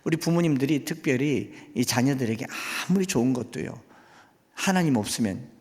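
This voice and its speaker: A man's voice: mid-range voice, expressive, fairly quick, darkish tone. A male guest pastor preaching a sermon in a church, pressing his congregation with rhetorical questions. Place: church sanctuary. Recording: long church hall reverb.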